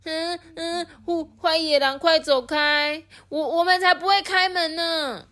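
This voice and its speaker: Woman doing a trembling squeaky little piglet. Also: fairly even intonation, sharp tone, full character voice. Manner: trembling, slow sing-song. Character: timid silly little male piglet, middle brother.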